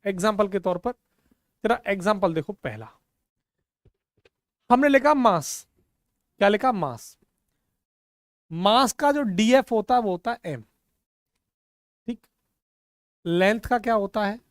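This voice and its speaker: A male physics teacher delivers a board lecture in Hindi sprinkled with English terms, often checking whether the class is following. He repeats questions to the students and answers them himself. His high-pitched, animated voice moves slowly with long pauses, in a dry, studio-quality recording.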